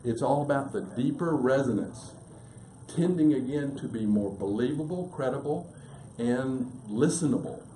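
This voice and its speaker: A man giving a fast, emphatic business seminar presentation to a live audience in a meeting room. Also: medium pitch, mellow. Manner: emphatic, rapid, listing points. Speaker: business speaker. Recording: roomy room, faint background hum.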